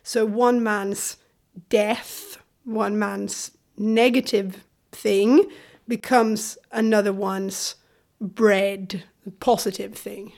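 A woman from Sweden co-hosting a podcast in a conversational way, her voice gravelly from a cold. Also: medium pitch, steady tone, extremely slow, darkish tone. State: has a cold. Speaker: podcast co-host.

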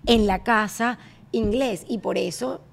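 Lively woman hosting a chat. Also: a little high, creaky. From Venezuela. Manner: lively, mixes in halting English. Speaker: podcast host. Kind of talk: casual chat.

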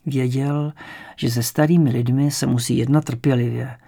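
A man calmly narrating a crime novel as an audiobook reader. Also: mid-range voice, vocal fry, breathy edge. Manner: calm, measured storytelling.

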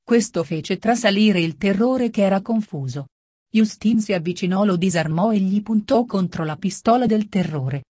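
A woman reading a translated story aloud in a plain, even storybook manner. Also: medium pitch, normal speed, dry recording, studio quality. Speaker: reader.

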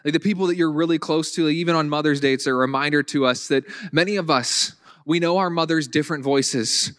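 Southern-accented male pastor, slightly high voice, chatty sermon with restarts and dry humor. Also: fairly quick, fairly bright tone, clean tone. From Virginia. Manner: conversational, repeats words and restarts, dry humor.

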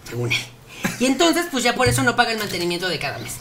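A woman's voice: a little high, huge pitch swings, a bit bright, a little hiss or hum. A woman co-hosting a casual chat and telling stories in a chatty way. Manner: quick, chatty storytelling.

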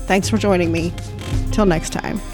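A woman's voice: fairly low pitch, fairly even intonation, normal speed, music in the background. A woman hosting a devotional podcast, speaking in an earnest, prayerful way and narrating a children's story. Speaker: podcast host.

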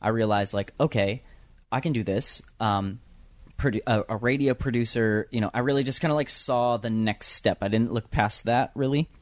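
A young man with a young-sounding voice appears as an interview guest, chatting casually about radio production work. He rambles, full of fillers and restarts, in a medium pitch at moderate pace, and the recording is dry.

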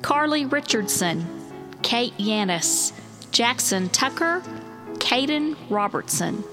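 A woman co-hosting a podcast reads out lists of nominees in a slow, measured way, with a digital echo effect on her voice. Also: fairly high pitch, lively intonation, music in the background. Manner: slow, measured reading of names. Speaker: podcast co-host.

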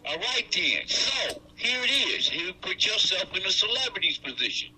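A man's voice: high voice, big pitch swings, moderate pace, pushed and bright, a little hiss or hum, low-quality recording. A man in his sixties, a regular on a casual podcast, talking loosely and emphatically over a video call. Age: 60s. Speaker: co-host.

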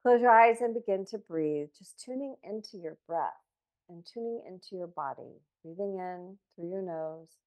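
Female meditation guide, lower-pitched, calm meditative delivery for a podcast breathing exercise. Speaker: podcast host.

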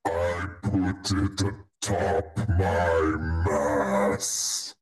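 A man voicing a pompous alien blob king who speaks in a slow, deep, commanding drawl. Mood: imperious. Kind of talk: improvised comedy podcast bit.

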